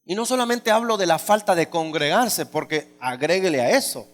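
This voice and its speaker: A man's voice: lively intonation, normal speed. A male pastor preaching a sermon, emphatic and conversational, often asking the congregation questions. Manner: emphatic, shifts from loud high exclamations to low asides. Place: church hall. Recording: hall reverb.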